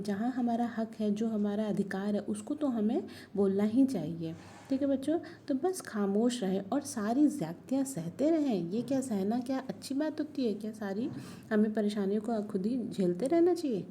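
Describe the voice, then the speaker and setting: A woman's voice: medium pitch, mellow, slight background noise. A woman teacher explaining a textbook story to her pupils, patient and repetitive, asking them questions.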